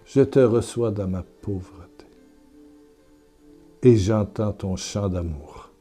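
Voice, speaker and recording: Slow, mellow-voiced man preaching. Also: lowish voice, faint music behind. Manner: fervent, repetitive, with breathy exclamations. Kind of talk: prayerful preaching.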